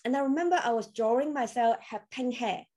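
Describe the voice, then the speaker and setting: Her voice is a little high and darkish, and she talks a little fast. This Cantonese-speaking crypto coach from Hong Kong tells her story as a podcast guest in a relaxed interview chat, full of fillers and loose grammar.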